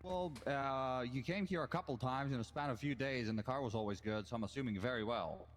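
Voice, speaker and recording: A man's voice: mid-range voice, fast, faint music behind, lightly acted. A man playing a courteous car mechanic in a casual game role-play, hesitant and correcting himself. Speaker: player acting a car mechanic. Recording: reverberant hall, faint noise, often distant.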